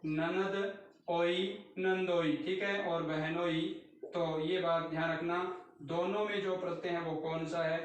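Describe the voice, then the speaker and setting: Repetitive and methodical, this man teaches Hindi grammar by saying every word again and quizzing students on each one. He speaks a little slowly in a slightly high, level voice, recorded from a distance in a very echoey room.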